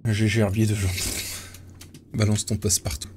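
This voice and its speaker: A man's voice: on the low side, flat delivery, measured pace, darkish tone, slight background noise. A man chatting casually and joking around while he streams himself playing an online game. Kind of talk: casual gameplay commentary.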